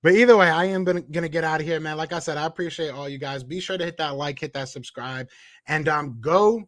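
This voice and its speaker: A man with a Philadelphia accent hosting a live sports podcast, reading out chat comments and trash-talking in a casual, animated way. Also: a little high, fast talker, no echo. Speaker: podcast host.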